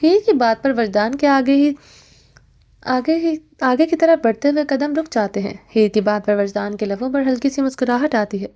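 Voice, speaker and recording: High-voiced woman narrating a romance novel. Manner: steady storytelling with occasional restarts. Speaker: audiobook narrator.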